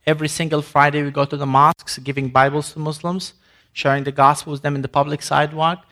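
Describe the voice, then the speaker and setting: Gravelly man preaching emphatically. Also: on the high side, flat delivery, quick pace, fairly bright tone. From Sudan. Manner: emphatic, non-native grammar, frequent restarts. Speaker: ministry speaker. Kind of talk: public presentation to an audience.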